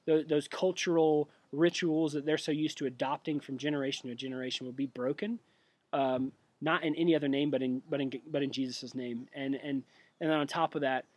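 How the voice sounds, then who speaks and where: Halting earnest young man with a cough. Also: a little high, fairly even intonation, dry recording. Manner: halting, many restarts and repeated words; earnest and prayerful. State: sick with a cough. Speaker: missionary giving a monthly update. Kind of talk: casual spoken update.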